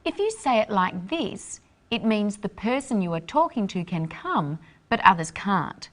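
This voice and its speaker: A woman hosts an English lesson, speaking slowly and clearly as she explains phrases. Her pitch moves up and down a great deal. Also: big pitch swings. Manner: clear, deliberate teaching delivery. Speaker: English teacher host. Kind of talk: scripted lesson narration.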